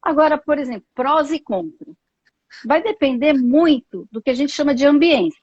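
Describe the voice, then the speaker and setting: With a high, expressive, slightly mellow voice at normal speed, a woman psychologist guest with a Brazilian Portuguese accent reflects on a live video call. Her speech is packed with fillers and tag questions, and the dull lo-fi recording has no room sound.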